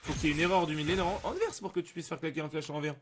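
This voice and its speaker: High-voiced man commentating a game, noisy background. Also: rapid-fire. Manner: rambling, repetitive, heavy gamer slang. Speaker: video game streamer. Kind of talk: casual gameplay commentary. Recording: clear background noise.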